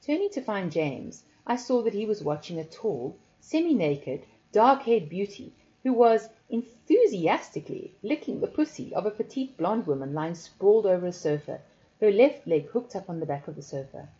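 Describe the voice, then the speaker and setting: A woman reading a first-person story aloud in a soft, measured, intimate way. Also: mid-range voice, big pitch swings, highs cut off. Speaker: audiobook narrator.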